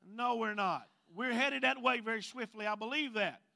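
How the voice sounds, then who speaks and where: A man with a Mississippi accent from the Southern US preaches a sermon, drawing out scripture readings with emphasis and calling for the congregation's responses. His voice is very high, with vocal fry, and sounds pushed and bright.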